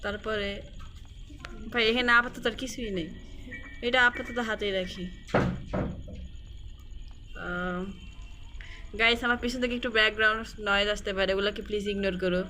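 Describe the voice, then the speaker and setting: A woman's voice: medium pitch, fairly even intonation, normal speed, pauses often, bright, forceful tone. A woman with a Bangladeshi accent giving casual, informal commentary as she plays a horror game for viewers. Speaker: gaming video host. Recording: music behind the voice. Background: eerie horror game music.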